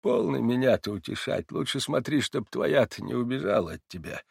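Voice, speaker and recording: Reader doing a tired old man, sad and quiet, low soft voice, dry recording. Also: lively intonation, moderate pace, gravelly, breathy edge, no echo, exaggerated voice. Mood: weary. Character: grieving, feverish old man, gentle and weary.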